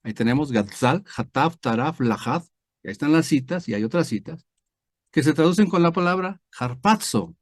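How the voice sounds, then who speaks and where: A man's voice: fairly high pitch, animated, moderate pace, no echo, clean studio sound. Man teaching over a video call. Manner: explanatory, many fillers and tag questions. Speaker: pastor teaching a Bible study. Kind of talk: online screen-share Bible lesson.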